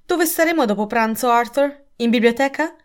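A woman's voice: a little high, normal speed, pitched above the performer's own voice, natural voice. A woman reading aloud and voicing an impatient, anxious middle-aged English lady who talks in a pressing, raised voice. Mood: firm.

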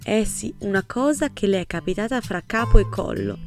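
A woman's voice: mid-range voice, expressive, moderate pace, close to an everyday voice. A woman voicing an elderly village spinster who eagerly spreads gossip. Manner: breathless, eager, relishing. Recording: music playing behind.

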